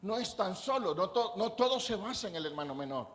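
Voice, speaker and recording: A man's voice: high-pitched, very animated, fairly quick, fairly bright tone. A male pastor preaching a sermon in a church, talking conversationally and asking the congregation questions. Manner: preaches conversationally, asks the congregation questions, acts out quoted voices.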